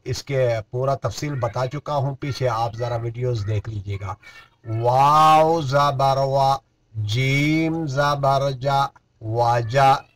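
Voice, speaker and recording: Male recitation teacher, very slow drills, steady mid pitch, soft quick asides. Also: dry recording. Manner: spells out each letter and vowel, then blends them. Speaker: Quran reading teacher. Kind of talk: slow syllable-by-syllable recitation lesson.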